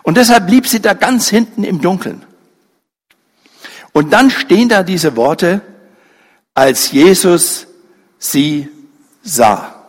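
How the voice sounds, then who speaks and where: Husky guy preaching slow in a church hall, voice swings up and down a lot, long echo. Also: sing-song. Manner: dramatic storytelling, acting out voices; slow, pausing delivery with wide pitch swings. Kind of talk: sermon.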